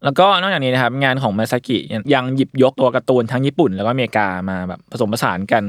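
A young man hosting a casual chat, telling a story in lively fashion and acting out quotes with crude slang. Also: mid-range voice, fast talker, dry recording, clean studio sound. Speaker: podcast host explaining an artist's story.

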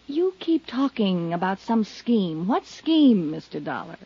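An actress playing a guarded, defensive widow in an old radio drama, speaking in a cool, controlled way. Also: female voice, medium pitch, sing-song, unhurried, dark tone, husky, heavily acted. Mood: defiant. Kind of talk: 1950s radio drama acting. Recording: dull lo-fi old radio broadcast.

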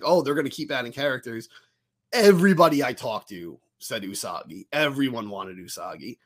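Medium-pitched and a touch bright, this man's voice carries a loose, lively fan-podcast chat where he co-hosts, wanders off on tangents, and swears occasionally.

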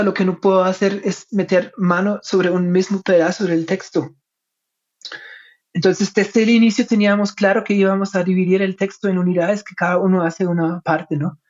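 A man's voice: high voice, darkish tone. German-accented man speaking Spanish, dull recording. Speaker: interviewed academic researcher and author. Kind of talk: conversational interview answers. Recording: dull, lo-fi sound.

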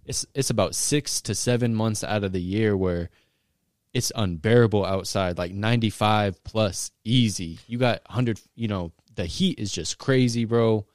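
A man from Texas with a fairly low voice, recorded dry. He chats casually in a frat-bro way, throwing in slang and swearing bluntly. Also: unhurried, darkish tone, no echo. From Austin, Texas. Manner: blunt, profane. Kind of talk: casual podcast-style chat.

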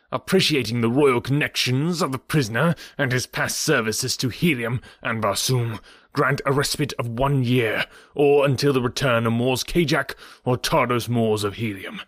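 A man reading aloud as a furious male ruler who shouts commands with his voice trembling in rage. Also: medium pitch, normal speed, dry recording, studio quality, voice pushed up, close to an everyday voice. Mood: enraged.

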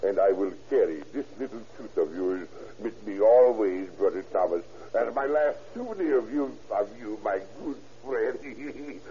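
A fairly low, mellow male voice, expressive and unhurried with few pauses, portrays a German doctor who schemes, gloats, and murders his friend. The actor gives him a German accent and a cackle. It's 1940s radio acting on a muffled recording with faint hiss.

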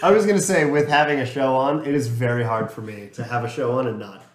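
A man co-hosting a podcast, chatting casually in a relaxed, easygoing way. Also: medium pitch, quick pace. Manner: relaxed, easily distracted banter. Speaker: podcast co-host. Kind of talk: casual chat. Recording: echoey room with crowd noise.

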